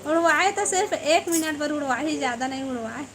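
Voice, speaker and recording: A woman's voice: sits high, expressive, a little fast, fairly bright tone, slight background noise. A woman with a Chhattisgarhi accent hosting a casual live stream, teasing and bantering with viewers by name.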